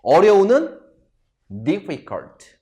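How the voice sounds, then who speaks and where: Male teacher, slightly high voice, very animated intonation, unhurried delivery. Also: lo-fi sound. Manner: drills sentences slowly, addresses viewers directly. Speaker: English teacher. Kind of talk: English grammar lesson.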